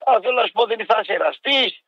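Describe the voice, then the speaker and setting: Male radio co-host, high voice, dry and dull lo-fi sound, wry and grumbling. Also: animated, husky, dry recording. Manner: grumbling, wry, repeats himself. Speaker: radio sports show co-host. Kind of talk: casual sports radio banter.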